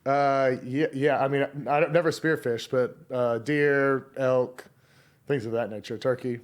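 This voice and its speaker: A man hosting an interview, relaxed and conversational, with short back-channel replies. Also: medium pitch, measured pace, smooth. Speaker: podcast host. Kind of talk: casual interview chat.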